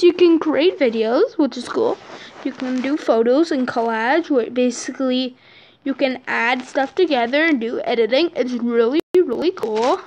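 High-voiced woman rambling through an app tutorial. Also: darkish tone, lo-fi sound, slight background noise. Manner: rambling and jokey, with asides muttered under the breath. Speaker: YouTuber demonstrating apps.

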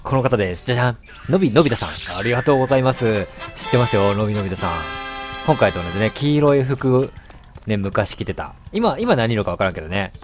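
A man's voice: on the low side, big pitch swings, quick pace, over music. A young man with a Hiroshima accent giving casual game commentary, chatty and thinking aloud, with frequent laughs. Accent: Hiroshima dialect.

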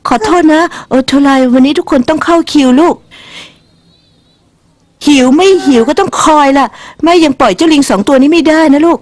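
A woman's voice: high-pitched, normal speed, a little mellow, no echo, natural voice. A woman dubbing a mother of three in a reality show, weary and emotional as she talks to her children and the coach. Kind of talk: dubbed reality TV dialogue.

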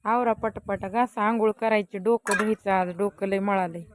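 A woman's voice: medium pitch, steady tone, normal speed, slight background noise. A woman vlogging her family's day in a village, chatting with viewers. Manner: chatty, talking to viewers while filming. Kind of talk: casual family vlog chat.

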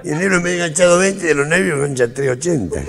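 Crude, gravelly Argentine comedian, live. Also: male voice, a little high, racing, a bit bright. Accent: Argentine Rioplatense Spanish. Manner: rambling, crude, laughs at his own jokes. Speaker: stand-up comedian. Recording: live show cassette recording.

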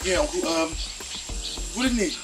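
A polite, nervous young nephew, stumbling over his words. His voice sits a little high, and music plays clearly behind him. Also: lively intonation, fairly quick, recorded from a distance. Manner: stammering, polite.

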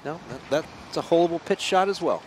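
A man's voice: fairly high pitch, fairly quick, a little mellow. A man commentating on live golf as an analyst, in conversational, technical, clipped phrases. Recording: clear outdoor course noise behind.

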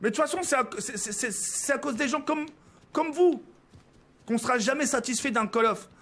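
A man's voice: extremely high pitch, normal speed, fairly bright tone. A man from France streaming a game, ranting at his viewers with exasperation, swearing and stumbling over his words. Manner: exasperated, swearing, stammering restarts.

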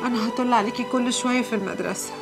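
An actress playing a young Egyptian servant woman who was betrayed, given to wailing laments and sharp scolding, in a TV drama with a music score. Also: a little high, steady tone, rapid-fire, close to an everyday voice. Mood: sad, gentle.

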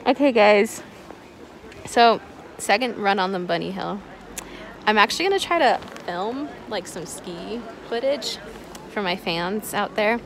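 A woman's voice: mid-range voice, animated, measured pace. A woman in her twenties talking casually into a phone held at arm's length on a ski slope, chatty and self-mocking. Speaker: vlogger. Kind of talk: casual vlog chat. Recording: noisy outdoor phone audio.

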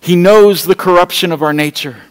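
A middle-aged pastor speaks in a clean, high voice at a moderate pace, preaching a Sunday sermon earnestly and pleadingly to his congregation. Open Bible in hand, he walks the stage of a large indoor church, where a long reverb lingers.

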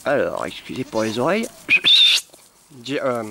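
A man, a dog breeder, coaxing and training puppies among goats with affectionate baby talk and sudden high calls. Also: big pitch swings, moderate pace, vocal fry, heavy background noise. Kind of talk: talking to puppies and goats while training them. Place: animal pen with goats.

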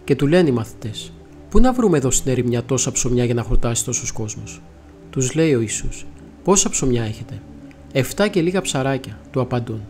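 Man reading scripture, steady and measured. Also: mid-range voice, faint music behind. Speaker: Bible reader.

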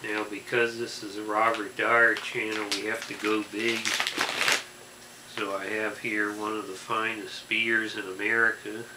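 A man in his forties giving a deadpan, deliberate food review to camera in a small room. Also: lowish voice, reverberant. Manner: slow, deadpan, deliberate listing. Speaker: snack reviewer. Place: small room indoors with fabric backdrop. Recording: faint hiss in the room.

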